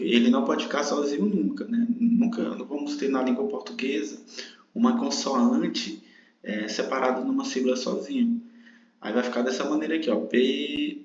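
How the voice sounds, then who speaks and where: A man's voice: medium pitch, normal speed. Man teaching a grammar lesson in a roomy, dull recording. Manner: explanatory, frequent tag questions. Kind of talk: exam-prep grammar lesson.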